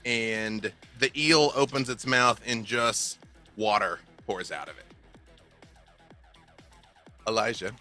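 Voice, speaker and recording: A man's voice: on the low side, slow pace, pauses often, bright, forceful tone, faint music behind. A man narrating as game master in a loose, chatty way with lots of fillers.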